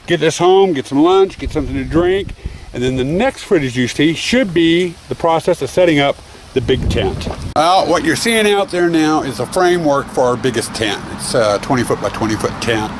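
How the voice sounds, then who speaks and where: A man's voice: a little high, lively intonation, fairly quick, a little hiss or hum. A man hosting a casual vlog outdoors, chatty and laughing at his own jokes. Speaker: vlog host. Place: outdoors in a cornfield.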